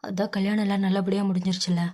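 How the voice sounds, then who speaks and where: A woman's voice: medium pitch, flat delivery, fast talker, mellow, natural voice. A woman voicing a young adult man who brushes off his mother's worry in a casual, breezy way. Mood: reassuring.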